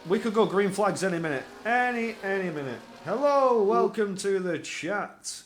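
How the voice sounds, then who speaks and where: A man giving live play-by-play racing commentary in an excitable manner, repeating phrases for emphasis. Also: high-pitched, moderate pace. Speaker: esports motor racing commentator.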